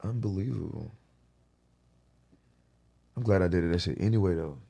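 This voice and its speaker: A man's voice: deep voice, moderate pace, vocal fry, mellow, slightly rough. A young man hosting a podcast, telling a story in a casual, slangy way full of profanity. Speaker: podcast host.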